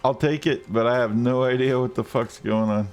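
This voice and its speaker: A man chatting casually on a game live stream, rambling and swearing freely, with excited outbursts. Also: medium pitch, normal speed, faint music behind.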